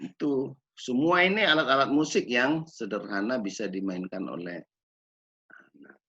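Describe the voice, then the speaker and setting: A man gives a measured lecture on children's music education, pausing to ask rhetorical questions. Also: medium pitch, pushed and bright, slightly rough. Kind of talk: recorded lecture. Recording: dull lo-fi recording.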